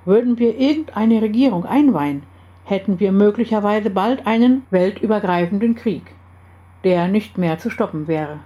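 A woman reading aloud and voicing the calm, serious male leader of a secret group. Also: mid-range voice, normal speed, close to an everyday voice. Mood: grave.

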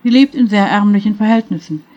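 Kind, patient middle-aged man, a woman reading the part in an audiobook story; clear, a bit raised, slightly muffled recording. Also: medium pitch, fairly quick, natural voice. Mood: earnest. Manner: patient, gentle. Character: gentle middle-aged male spirit guide, patient and kind.

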